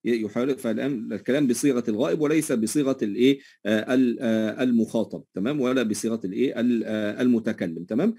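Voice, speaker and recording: A man's voice: fairly high pitch, darkish tone, husky. A man with an Egyptian Arabic accent teaching a tajweed lesson. He prompts listeners with questions, answers them himself, and keeps checking that they follow. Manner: checks understanding often with short tag questions.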